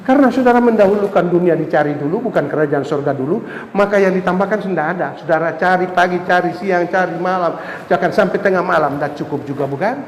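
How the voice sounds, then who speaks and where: A pastor preaching an impassioned sermon, swinging from soaring cries to low murmurs. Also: male voice, fast, a little hiss or hum. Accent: Indonesian. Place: church sanctuary. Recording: echoey church hall with faint ambience.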